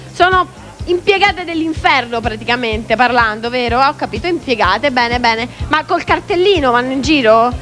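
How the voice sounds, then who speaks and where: A woman's voice: sits high, a bit bright. A woman hosting a TV variety show in a studio, chatting in a teasing, playful way with a costumed guest.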